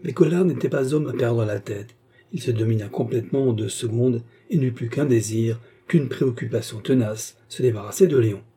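A man narrating a novel aloud, reading in a measured, steady way. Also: mid-range voice, slightly rough. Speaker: audiobook narrator.

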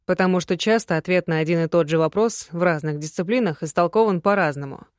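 A woman reading a young male magic student, teasing and affectionate, in a slightly louder, gentler voice. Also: fairly low pitch, quick pace, no room sound, clean studio sound, lightly acted.

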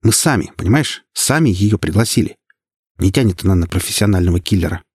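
A man voicing a wounded middle-aged man, gruff and curt. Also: low-pitched, animated, brisk, darkish tone, dry recording. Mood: protesting.

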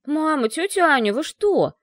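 A woman's voice: fairly high pitch, lively intonation, a little fast, no room sound, natural voice. A woman voicing a stubborn, brave teenage boy who talks back indignantly and grumbles.

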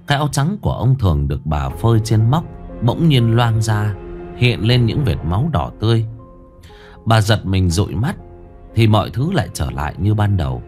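A man's voice: fairly low pitch, darkish tone. A man narrating a scripted horror story, dramatic and dwelling on gruesome detail.

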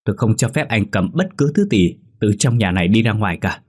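A man's voice: fairly low pitch, lively intonation, fairly quick, a little mellow, breathy edge. A man voicing a stubborn, defiant young woman in an audio horror story.

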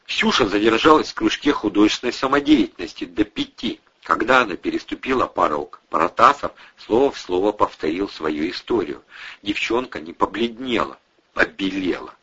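A man reading a crime novel aloud with a lively, expressive delivery. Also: on the low side, normal speed, breathy edge. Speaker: audiobook narrator. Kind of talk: scripted narration. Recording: dull lo-fi audio.

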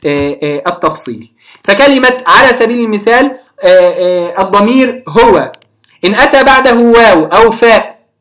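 A Quran recitation teacher giving a classroom lecture, pausing often with drawn-out filler sounds and checking that listeners follow. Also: mid-range voice, bright, forceful tone.

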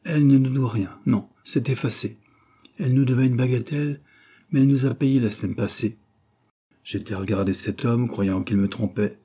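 A man's voice: mid-range voice, normal speed, warm tone, husky, lightly acted. A man voicing an angry, gossiping working-class landlady who scolds indignantly, in an audiobook reading. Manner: indignant, scolding, breathless storytelling.

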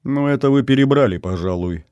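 A man reading a gruff old-school colonel. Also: mid-range voice, lively intonation, fairly quick, darkish tone, dry recording, muffled recording, voice pushed up, lightly acted. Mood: guarded. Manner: gruff and matter-of-fact. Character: gruff, guarded middle-aged male colonel. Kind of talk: audiobook reading.

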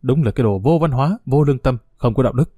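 A man's voice: mid-range voice, lively intonation, fast, dark tone, no echo, clean studio sound. Man playing a brash, defiant young father. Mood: angry. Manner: blunt, rough-spoken.

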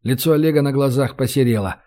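A man narrating an audiobook in an even, measured manner. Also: mid-range voice.

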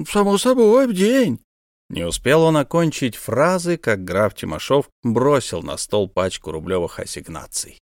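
Man reading a novel aloud, lively and dramatic, dry close recording. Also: mid-range voice, dry recording. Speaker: audiobook narrator. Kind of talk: expressive literary narration.

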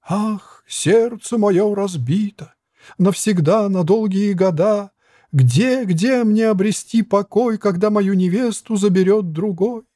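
A tearful wooden puppet clown, as a man narrator puts him on, whining in a thin, squeaky voice. The tone is high and swings widely. The sound is dry and close. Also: lively intonation, a little slow, hardly any pauses, mellow, no echo. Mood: mournful. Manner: squeaky, mournful. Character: sad wooden puppet Pierrot, whiny and squeaky.

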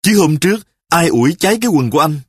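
A man playing a sick, petty husband who scolds his wife in rapid-fire accusations in a spoken story. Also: a little high, sing-song, slightly rough, dry recording, studio quality. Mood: accusing. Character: sick, petty, quarrelsome husband, self-righteous.

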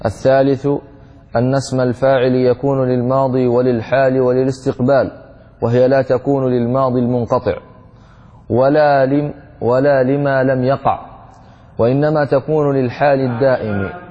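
Guy reading a grammar text out loud, really flat and even, muffled in a reverby hall. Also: mid-range voice, moderate pace. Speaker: student reading the text aloud. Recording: dull lo-fi sound with hall reverb.

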